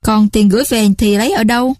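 A woman's voice: on the high side, fairly even intonation, fast, a little mellow, dry recording, clean studio sound, close to an everyday voice. A woman voicing an elderly grandmother who is remorseful and anxious, speaking in a quavering, pleading way in a storybook reading.

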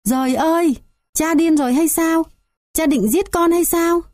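A woman's voice: medium pitch, normal speed, warm tone, dry recording, clean studio sound, lightly acted. A woman voicing a strong, rebellious young village man who pleads and cries out in a storybook tale. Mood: terrified. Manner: pleading, then screaming in terror.

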